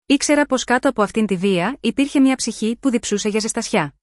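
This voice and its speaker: A woman's voice: a little high, no echo, studio quality. Woman narrating a sensual romance story. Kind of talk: scripted first-person romance narration.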